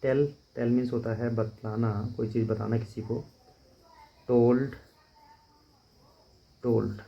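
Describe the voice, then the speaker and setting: A man teaching English vocabulary in a steady, repetitive drill, spelling words out letter by letter. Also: medium pitch, slow, vocal fry. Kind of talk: vocabulary lesson. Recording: dull lo-fi recording.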